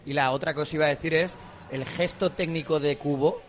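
A man from analysing football live, unscripted and halting, often repeating how his phrases start. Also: fairly high pitch, steady tone. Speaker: football pundit.

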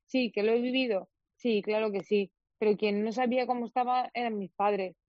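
A woman's voice: fairly high pitch, steady tone, moderate pace, darkish tone, no room sound, lo-fi sound. A young woman from Spain, a guest in an interview, recounting a difficult personal experience with many quoted dialogues and restarts. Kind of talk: emotional personal account in an interview.

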